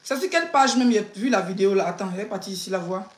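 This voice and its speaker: A woman's voice: medium pitch, rapid-fire. A woman, a blogger and influencer chatting casually on a live stream, laughing, teasing and ranting. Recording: roomy echo.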